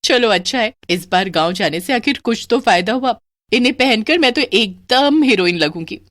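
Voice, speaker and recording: A woman voicing a greedy, excitable young wife whose voice goes shrill. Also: moderate pace, no echo. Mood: cheerful.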